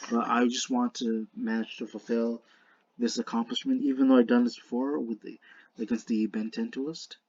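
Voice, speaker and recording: A man with a slushy lisp on his s sounds gives casual, unscripted commentary to viewers as a video creator, earnest and halting, often restarting his words. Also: medium pitch, darkish tone, dry recording, muffled recording. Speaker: video creator narrating a card game duel.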